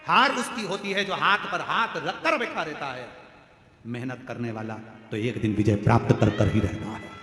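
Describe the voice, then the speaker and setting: A man preaching a devotional sermon to a large live gathering, swinging between loud high exclamations and soft low pleading, acting out quoted voices. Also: moderate pace, faint music behind. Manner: acts out quoted voices in his talk. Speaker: religious storyteller preacher. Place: large religious gathering hall. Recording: echoey hall with long reverb.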